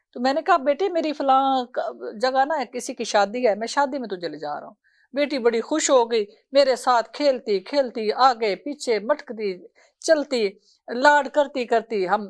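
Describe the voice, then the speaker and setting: A middle-aged woman preaching a sermon, telling a story with emotional sighs and laments. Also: sits high. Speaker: religious preacher.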